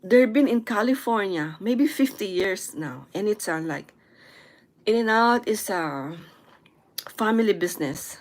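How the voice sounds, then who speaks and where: A young woman from the Philippines, chatting casually and haltingly, often stopping to search for words and correct herself. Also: medium pitch, animated. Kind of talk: casual chat.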